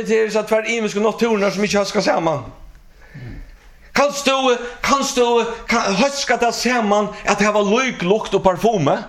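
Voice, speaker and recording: A man's voice: high-pitched, a bit bright. A man preaching a sermon, emphatic, often repeating words and restarting phrases.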